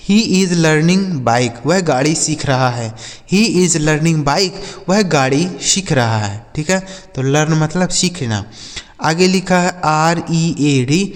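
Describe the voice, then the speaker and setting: A man's voice: fairly high pitch, long reverb tail. A man teaching English words to children in Hindi, spelling each word letter by letter and repeating every example sentence twice. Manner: addresses viewers as children. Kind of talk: slow spelling-and-translation lesson for children.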